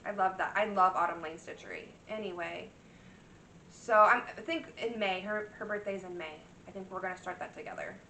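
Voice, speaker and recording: A cross-stitch vlogger in her thirties talks fairly quickly, her medium-pitched voice bright, forceful and slightly worn. Her chatty show-and-tell rambles, full of fillers and restarts. A faraway mic in an echoey room catches a little hiss or hum.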